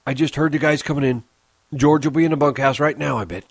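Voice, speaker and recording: A man's voice: medium pitch, quick pace, breathy edge, no room sound, pitched above the performer's own voice. A man voicing an anxious, earnest old ranch hand. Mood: soothing. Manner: earnest, pleading.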